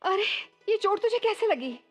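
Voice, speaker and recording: Worried big sister, fussy and tender, voice goes up and down a lot. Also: female voice, very high voice, expressive, moderate pace, soft background music. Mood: caring. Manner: fussing, tender scolding. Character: caring older sister, anxious and affectionate. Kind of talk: Hindi film dub. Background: film score.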